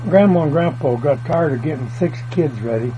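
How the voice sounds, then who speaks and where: Speaking briskly at a fairly high pitch, an older man wanders through family memories in a folksy, plain-spoken way. It's an oral history interview captured on dull lo-fi tape with an audible mains hum.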